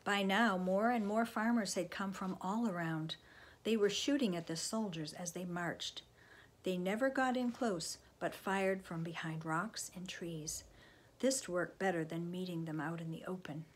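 Expressive woman reading a storybook aloud. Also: lowish voice, a little slow, husky. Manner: expressive, dipping into hushed whispers. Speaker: storybook reader. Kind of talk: reading a children's book aloud.

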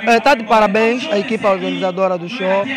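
Young male interviewee, high voice, formal phrasing, echoey sound. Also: steady tone, quick pace, very noisy. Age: young adult. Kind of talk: on-camera interview. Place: outdoor venue at night. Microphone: handheld reporter microphone. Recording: echoey, loud crowd behind.

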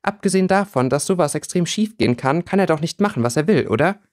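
A man's voice: fairly high pitch, expressive, fast talker, darkish tone, pitched above the performer's own voice, lightly acted. A man voicing a hot-tempered teenage schoolgirl in an audiobook reading. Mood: indignant. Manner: scolding, indignant.

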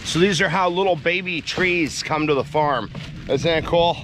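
Speaking at a normal pace in a fairly high, slightly bright voice, this farm worker and vlogger in his forties chats casually to the handheld camera he holds at arm's length. It's relaxed outdoor vlog narration on a farm and hillside, and the handheld recording picks up plenty of noise.

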